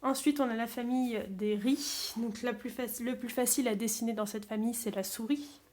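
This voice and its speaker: A woman teacher calmly explaining a sound-sorting game step by step for young children's parents. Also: on the high side, a little fast. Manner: calm, simple step-by-step explaining. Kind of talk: classroom game explanation video.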